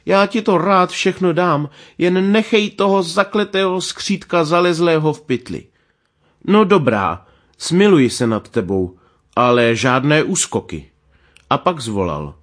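A man reads an old fairy tale aloud in an animated storyteller's voice. His pitch sits a little high and swings widely as he marks each character with small changes of voice.

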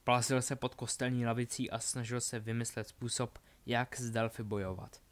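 A man reading a fantasy story aloud in a steady, plain narrating voice. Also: medium pitch.

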